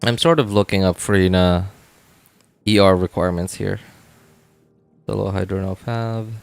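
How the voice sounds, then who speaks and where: This streamer's voice sits low and sounds gravelly, moving at a moderate pace as he talks casually over his gameplay. He muses aloud in a rambling, repetitive way, with faint music behind him.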